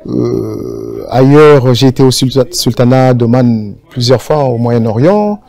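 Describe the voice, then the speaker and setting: A man's voice: mid-range voice, measured pace, gravelly. A man from Congo, a singer being interviewed, talking casually with many hesitations. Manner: relaxed, hesitant with many fillers. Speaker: guest singer.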